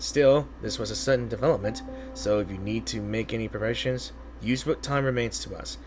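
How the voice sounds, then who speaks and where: A man voicing an earnest, steadfast squad captain from a game, formal and measured. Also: on the low side, music in the background, voice pushed down, lightly acted. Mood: resolute.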